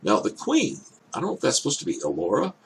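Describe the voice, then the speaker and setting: An older man with an elderly-sounding voice gives casual off-the-cuff commentary, thinking aloud in halting, hesitant phrases. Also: mid-range voice, wildly swooping pitch, poor audio. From Canada. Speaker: reaction video host. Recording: clear background noise.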